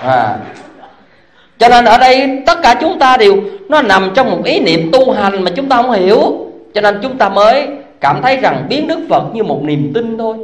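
A man, a Buddhist monk, giving a dharma talk and asking his audience rhetorical questions. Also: high voice. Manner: chuckles as he talks.

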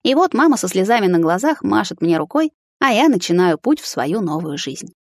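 A woman's voice: medium pitch, very animated, brisk, dry recording. A woman narrating a first-person audiobook in an emotional, confessional tone, close to the mic.

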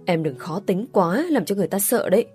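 A woman's voice: medium pitch, expressive, fast, darkish tone, faint music behind, natural voice. A woman reading an audiobook story, voicing a considerate young man who speaks patiently and placatingly. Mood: calm.

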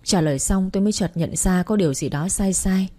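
A woman's voice: mid-range voice, fairly quick, dark tone. A woman narrating a first-person romance story in a tender, emotional reading.

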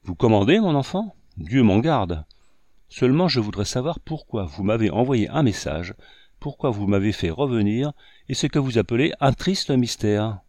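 A man's voice: mid-range voice, big pitch swings, moderate pace, darkish tone, no room sound. A man doing a startled anxious man.

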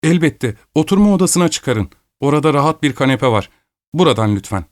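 A man's voice: a little high, lively intonation, brisk, no room sound, clean studio sound, pitched above the performer's own voice, natural voice. A male reader voicing a gracious, composed young woman who gives polite instructions in an audiobook. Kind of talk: audiobook character voice.

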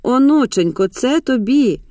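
A woman's voice: high voice, animated, unhurried, dark tone, dry recording, clean studio sound, pitched above the performer's own voice. A woman doing a coaxing old granny. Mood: eager. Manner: coaxing, folksy. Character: scrawny old grandmother, ingratiating.

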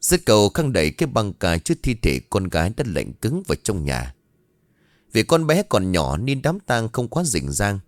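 A man doing scripted narration of a ghost story in an expressive storytelling manner. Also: lowish voice, normal speed, no room sound, clean studio sound.

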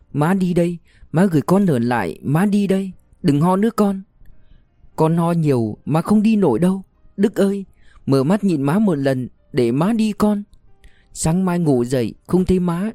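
A man's voice: high-pitched, dark tone, dry recording, clean studio sound, voice pushed up. A man voicing a young mother who pleads tearfully as she leaves her sick child.

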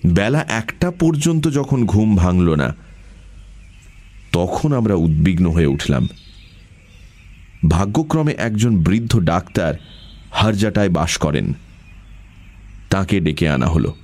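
A man narrating an audiobook story in a measured storytelling manner. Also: sits low, sing-song, darkish tone. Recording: music bed under voice.

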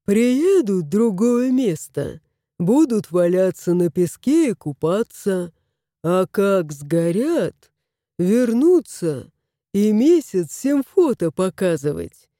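Drawling storybook cat, lazy and smug, slow, read by a woman. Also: mid-range voice, big pitch swings, warm tone, no echo, clean studio sound. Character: lazy, smug, spoiled male house cat.

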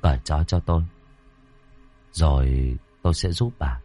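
A man voicing a cold, calm young man who sees ghosts and speaks quietly, in a horror audiobook. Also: extremely low pitch, normal speed, soft background music, pitched below the performer's own voice.

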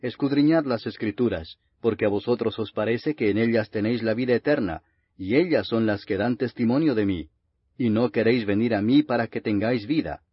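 A man's voice: fairly low pitch, a little fast, slightly rough. A man reading the Bible aloud as a scripted narration, in a solemn, grave and declamatory manner. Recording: muffled, reverberant lo-fi audio.

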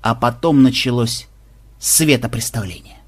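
A man narrating an adventure story in a lively storytelling manner. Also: medium pitch, measured pace. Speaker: audiobook narrator. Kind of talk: scripted narration.

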